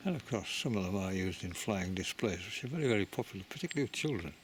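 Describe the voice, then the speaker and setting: A man's voice: low-pitched, animated, fast talker, a little hiss or hum. A man giving a casual, chatty walking commentary at an outdoor animal centre, musing and breaking off mid-sentence as he films. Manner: chatty, musing, self-interrupting. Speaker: vlogger touring a bird and animal centre.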